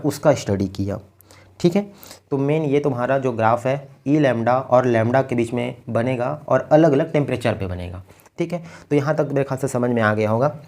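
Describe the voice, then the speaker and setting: Gravelly-voiced man teaching physics slowly. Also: mid-range voice, a little mellow. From India. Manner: patient, explains slowly step by step; keeps checking in with "ठीक है". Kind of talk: blackboard lecture.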